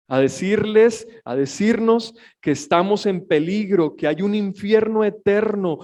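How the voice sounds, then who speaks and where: A man preaching a sermon as pastor, swinging between hushed, emotional passages and shouted pleas. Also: sits high. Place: church.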